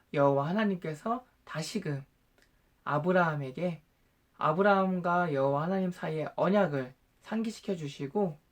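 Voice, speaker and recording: A man narrating a Bible story in a gentle, polite and explanatory storybook way. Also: sits high.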